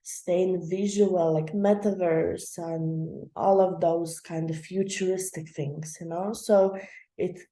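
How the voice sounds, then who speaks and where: A woman's voice: lowish voice, warm tone. Chatty woman host in an echoey room. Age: young adult. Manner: chatty, loose, many fillers and laughs. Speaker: channel host. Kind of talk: casual explainer talk.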